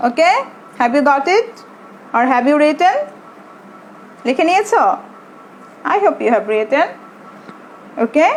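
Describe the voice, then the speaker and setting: A Bangladeshi woman, a primary school English teacher, giving an online lesson in English and Bengali, slowly repeating words for her pupils. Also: high-pitched, slight background noise, rough recording.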